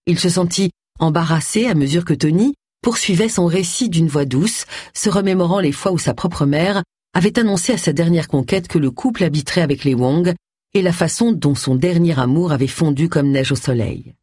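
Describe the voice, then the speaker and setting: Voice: medium pitch, moderate pace, slightly rough, dry recording, studio quality. An audiobook narrator reading a novel aloud in a scripted narration style, changing the voice for each character. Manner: expressive, shifts voice for each character.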